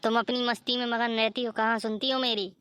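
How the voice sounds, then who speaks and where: A woman's voice: on the high side, little pitch movement, a little fast, fairly bright tone, clean tone, dry recording, lightly acted. A woman voicing a scolding, complaining older mother-in-law in a cartoon story.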